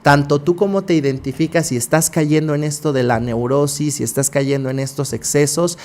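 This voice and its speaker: Emphatic male podcast host, fairly high voice, poses rhetorical questions. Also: fairly even intonation, normal speed, a little mellow. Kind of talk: passionate podcast talk.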